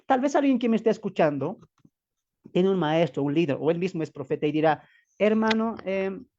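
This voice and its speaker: A man's voice: a little high, a little fast, warm tone, highs cut off, a little hiss or hum. A man from Bolivia teaching from the Bible as a preacher, emphatic and full of rhetorical questions, calling listeners beloved brothers.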